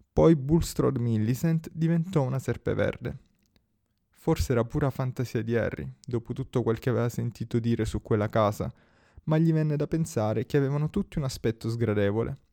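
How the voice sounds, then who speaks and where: A man reading a novel aloud as narrator, steady and measured. His voice is gravelly with a dark, mellow warmth. The recording is close and dry. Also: mid-range voice, no echo. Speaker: audiobook narrator. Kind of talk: scripted story narration.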